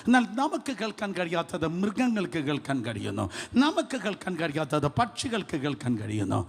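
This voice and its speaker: A male pastor preaching a charismatic sermon, calling out to the congregation, repeating phrases and swinging from shouts to hushed asides, with English phrases mixed in. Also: fairly high pitch, wildly swooping pitch, a little fast, vocal fry. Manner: shifts between loud shouting and hushed asides.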